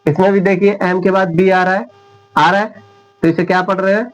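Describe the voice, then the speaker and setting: A man's voice: high voice, steady tone, lo-fi sound. Man teaching at a whiteboard. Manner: repeats each example word slowly, explaining rules step by step; addresses viewers as friends, checks understanding often. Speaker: English teacher. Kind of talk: whiteboard classroom lesson.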